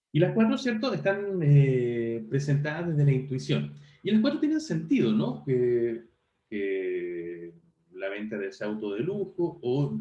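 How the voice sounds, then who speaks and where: A male university teacher runs an online class over a video call, questioning his students and checking their understanding along the way. His voice is mid-range with a darkish tone, and the call audio is roomy, dull, and lo-fi.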